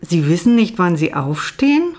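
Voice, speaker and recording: A woman voicing a calm, probing male psychologist in a novel reading, asking questions matter-of-factly. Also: lowish voice, moderate pace.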